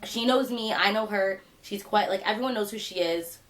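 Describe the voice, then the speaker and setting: A young woman vlogger telling a funny story in casual chat, animated and laughing, with lots of fillers. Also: medium pitch, normal speed.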